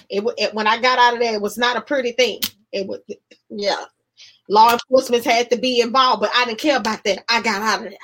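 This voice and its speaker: A woman's voice: fairly high pitch, fairly bright tone. A woman sharing an emotional personal testimony, acting out both sides of her conversations as she tells the story.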